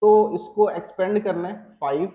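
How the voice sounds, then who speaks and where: A male mathematics teacher from India lectures in a coaching classroom, talking through each step as he writes and pausing on each term. He sounds reassuring, checking in with his students with "theek hai," in a high-pitched voice. The room is echoey and the sound slightly dull.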